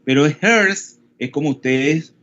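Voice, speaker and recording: Panamanian male teacher, higher voice, explanatory, keeps checking in with the class; muffled lo-fi online-class audio. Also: animated, slow pace, pushed and bright. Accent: Panamanian Spanish. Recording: dull lo-fi call audio.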